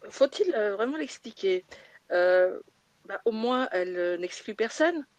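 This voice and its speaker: A woman's voice: medium pitch, lively intonation, measured pace, darkish tone, dry recording. A woman guest in a casual live audio chat, hesitant and full of fillers.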